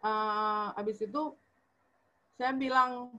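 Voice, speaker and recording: A woman's voice: on the high side, fairly even intonation, slow, sharp tone, muffled recording. A woman on a video call telling a personal story in casual talk, with many fillers and restarts, acting out the dialogue she quotes. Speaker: church member sharing a testimony.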